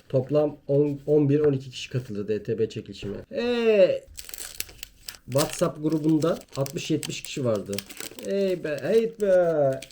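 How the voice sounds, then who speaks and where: A young man chats his way through a card pack opening, reeling off card names and muttering jokes to himself. His voice is very dark and mellow at a middling pitch. Card wrappers crinkle behind him. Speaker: YouTuber opening trading card packs. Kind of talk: casual pack-opening commentary.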